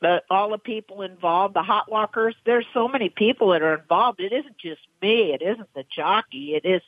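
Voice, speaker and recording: This phone interview features a woman who trains racehorses, and the line sounds tinny and dry with no room sound. Speaking at a normal pace, she rambles with emotion, and her pitch leaps up when excitement takes over.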